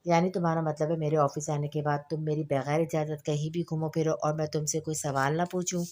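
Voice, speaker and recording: A woman reading a novel aloud and voicing a brusque, possessive young husband with sharp, demanding questions. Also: low voice, little pitch movement, brisk, lightly acted. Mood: scolding.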